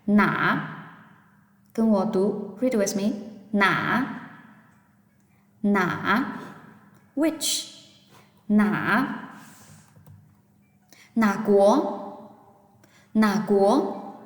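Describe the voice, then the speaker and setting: A woman teaches beginners at an unhurried pace, repeating each new word so her students can follow along. Her voice rings out in an echoey room with a long reverb tail. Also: mid-range voice. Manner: slow, patient, repeats words for practice. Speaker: Mandarin teacher. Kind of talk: online language lesson.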